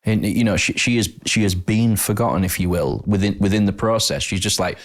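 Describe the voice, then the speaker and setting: A man with a very low voice talks through ideas in a casual podcast chat. He is thoughtful and hesitant, often restarting his sentences. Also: a little fast.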